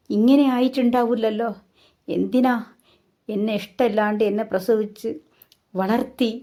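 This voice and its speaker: A woman's voice: on the high side, warm tone, close to an everyday voice. A woman voicing a grieving mother who bitterly reproaches her own mother in a raised, pleading voice.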